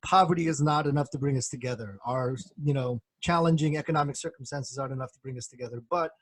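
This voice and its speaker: Man, middle-aged, husky, dry sound, reflective, measured. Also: medium pitch, no echo. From born in Korea, grew up in the United States. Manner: measured, reflective, many soft fillers. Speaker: guest, professor and former pastor. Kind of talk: thoughtful interview answers.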